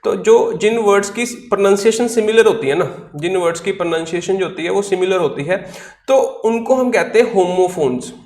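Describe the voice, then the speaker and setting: A man's voice: sits high, moderate pace, darkish tone, roomy sound. A man teaching English vocabulary in an online class, explaining step by step, spelling words out letter by letter and answering his own questions. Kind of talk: online class lecture in Hindi.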